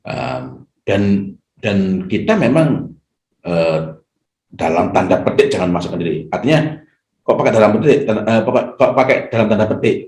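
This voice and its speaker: A man, an Islamic teacher, answering parents' questions in a gentle Q&A parenting talk, often pausing on fillers. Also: mid-range voice, reverberant. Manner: gentle, acts out parent-child exchanges, frequent hesitation fillers.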